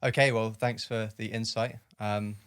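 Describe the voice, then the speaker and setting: Podcast host, man, chatty and friendly, low smooth voice. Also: little pitch movement, a little slow, a bit bright, no room sound, clean studio sound. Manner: friendly, chatty with frequent fillers. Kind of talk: casual podcast chat.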